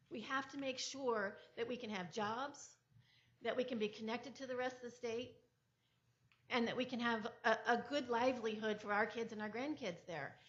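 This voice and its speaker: An older woman from California's Central Valley giving earnest, impassioned public testimony at a board meeting, into a podium microphone. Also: fairly high pitch. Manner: earnest and impassioned, rising in force. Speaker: public commenter. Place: public hearing room. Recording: muffled meeting-room audio.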